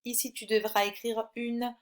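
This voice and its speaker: A woman teaching a recorded phonics lesson to young children, patient and encouraging, pronouncing each word slowly and clearly. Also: fairly high pitch, little pitch movement. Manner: slow, clearly articulated word-by-word dictation. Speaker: primary school teacher.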